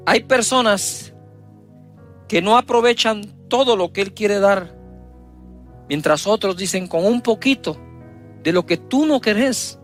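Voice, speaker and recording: A male pastor preaching a sermon, reading scripture aloud and retelling it with dramatic swings in emphasis and loudness. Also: high voice.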